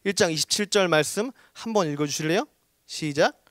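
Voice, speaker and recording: A man's voice: on the high side, brisk, fairly bright tone. A man who is a missionary preacher gives a sermon in a church hall. He keeps addressing the congregation, calls for amens and swells to emphatic exhortations.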